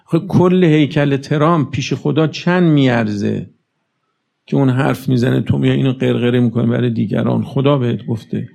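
A man preaching a religious sermon, pressing his listeners with fervent, rapid-fire rhetorical questions. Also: mid-range voice, creaky, mellow.

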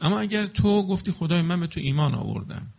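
A man preaching in a casual spoken style, explaining with everyday examples and checking in with listeners, slowing into chanted Arabic blessings. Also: high voice, expressive, creaky, darkish tone. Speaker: religious preacher. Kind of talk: colloquial religious talk to an audience.

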